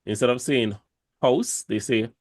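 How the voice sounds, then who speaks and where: A man's voice: medium pitch, a little slow, darkish tone, no echo, clean studio sound. A Jamaican man talking casually on a podcast, rambling with many fillers and restarts. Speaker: podcast host.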